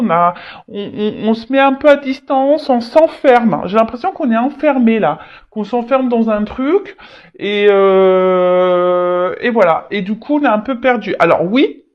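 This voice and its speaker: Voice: medium pitch, animated, a little slow. Tarot reader talking straight to viewers, keeps stalling and repeating words, kinda muffled lo-fi audio. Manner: hesitant, repeats words, frequent fillers. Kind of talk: unscripted tarot reading addressed to viewers.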